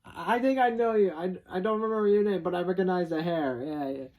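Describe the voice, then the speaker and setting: A man voicing an eager grown man who stumbles excitedly over recognizing an acquaintance. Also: high voice, voice pushed up, natural voice. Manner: excited, halting, repeating himself.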